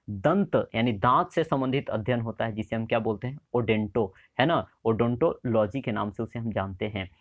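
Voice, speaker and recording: A young man teaching a current affairs exam lesson, asking a question and answering it himself, repeating key facts as memory tricks. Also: medium pitch.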